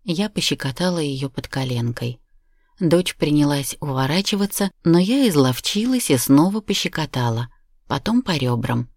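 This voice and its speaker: A woman narrating a first-person story in a measured, steady way. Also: low voice, no room sound, clean studio sound. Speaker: audiobook narrator. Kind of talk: scripted narration.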